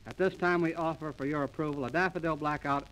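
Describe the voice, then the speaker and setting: In an early 1930s radio comedy preserved on a transcription disc, a man announces and trades patter in a mock-formal, wisecracking style, acting as a comedy duo host, announcer, and straight-faced joker. His voice is on the high side, steady, and fast, and the audio is poor.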